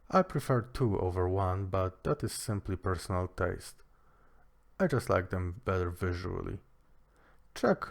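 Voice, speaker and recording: Man, product reviewer, slow deliberate delivery, lowish voice, dry joking asides.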